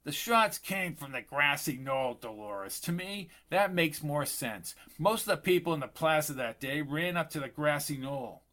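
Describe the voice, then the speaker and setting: A man voicing a gruff, cocky male tourist who talks up conspiracy theories in an audiobook. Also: fairly high pitch, expressive, moderate pace, few pauses, sharp tone.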